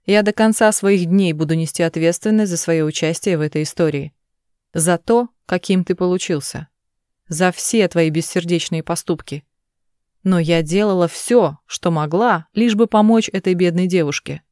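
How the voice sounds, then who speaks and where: A woman reading the lines of a desperate mother who pleads through tears, in a low, dry voice. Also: moderate pace, dark tone, dry recording, close to an everyday voice. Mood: tearful pleading. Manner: pleading, urgent. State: crying.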